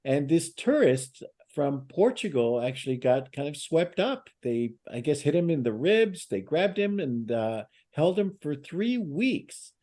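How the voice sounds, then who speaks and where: A man hosting a podcast, relaying news stories in a relaxed, teasing way. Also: on the high side, a little slow, few pauses. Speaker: podcast host. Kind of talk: casual podcast chat.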